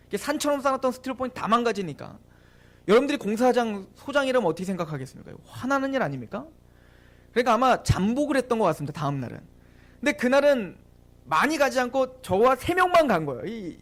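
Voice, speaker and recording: A male pastor tells a story in his sermon, often turning to the congregation with questions. His voice sits high and moves through a very lively range. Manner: animated, addresses the congregation with questions.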